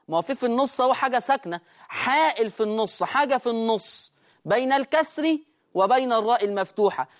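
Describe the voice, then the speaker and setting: Egyptian-accented recitation teacher drilling slowly. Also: mid-range voice. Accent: Egyptian Arabic. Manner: drills words slowly and repeatedly, checks in with listeners. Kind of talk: explanatory recitation lesson.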